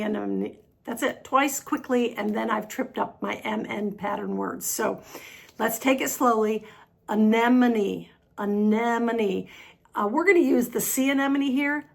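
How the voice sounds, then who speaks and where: A woman teaching English pronunciation, drilling words slowly and repeating each one carefully. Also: on the high side, creaky, breathy edge. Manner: slow, deliberate word drills with repetition. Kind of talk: pronunciation lesson.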